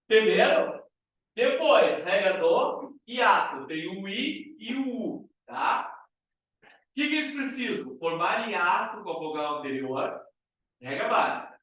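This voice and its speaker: A man with a Brazilian Portuguese accent teaching a grammar class. His voice sits high for a man. He keeps checking in with the room through rhetorical questions. He is recorded from a distance in a very echoey classroom. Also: animated, slow, pauses often, a bit bright.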